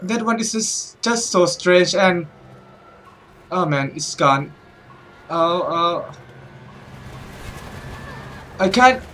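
A young man commenting on a horror game, swearing and exclaiming when startled. His voice is bright and slightly high, and he talks slowly between the outbursts. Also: expressive, slight background noise. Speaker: gaming YouTuber. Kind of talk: let's play commentary.

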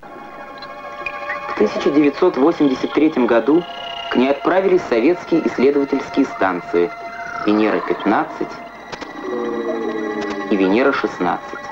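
A man reading scripted educational science newsreel narration in a measured, declamatory way with precise diction. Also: medium pitch, huge pitch swings, music in the background. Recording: muffled vintage Soviet film soundtrack.

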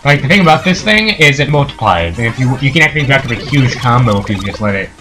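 Dry, lively-voiced man playing a game. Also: medium pitch, fast, noisy background. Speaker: let's play commentator. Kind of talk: casual gaming commentary.

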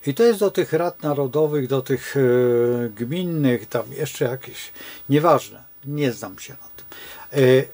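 A man's voice: medium pitch, lively intonation, takes it slowly, a little mellow. An older man from Poland giving a rambling, digressive informal talk as an astrologer to his followers, with many hesitations and wry chuckles.

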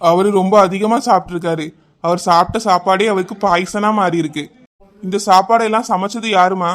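A man's voice: high-pitched, steady tone, brisk, a bit bright. Man voicing a stern cartoon doctor. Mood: grave. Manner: grave, lecturing. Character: stern village doctor, middle-aged man.

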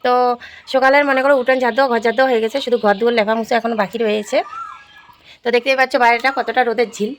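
A woman's voice: fairly high pitch, vocal fry, a bit bright, slight background noise. A woman in her thirties chatting casually to her phone at home, running her sentences together with a filler word. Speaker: home vlogger. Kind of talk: casual home vlog chat. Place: home, indoors.

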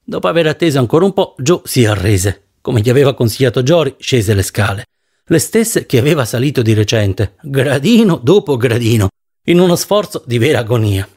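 A man narrating a novel as an audiobook, reading in an expressive, dramatic way. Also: mid-range voice, a little fast, slightly rough.

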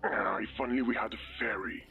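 A man's voice: on the low side, fairly quick, narrow, tinny audio, over music, close to an everyday voice. A man voicing a chatty, sarcastic male game program who jokes and talks to himself. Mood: animated. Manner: animated, joking, talking to himself.

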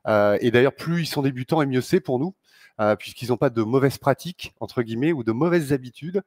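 A middle-aged man talks at an indoor conference with enthusiasm, gesturing and filling pauses as he goes. The sound is dry and close, with hardly any echo. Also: mid-range voice, darkish tone. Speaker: founder of a sailing channel. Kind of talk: conference talk. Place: large sailing showroom, indoors.

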